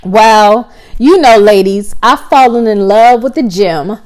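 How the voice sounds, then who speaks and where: A woman reading a story aloud, voicing a squeaky, sassy young woman who teases her friends. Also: slow, a little mellow, low-quality recording.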